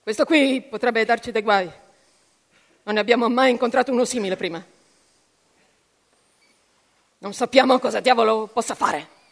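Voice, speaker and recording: A woman's voice: medium pitch, fairly even intonation, a little fast, lightly acted. A curt, businesslike agency officer, read by a woman, hunting a mutant in a storybook reading. The voice rings out with a long hall reverb behind it. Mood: brusque.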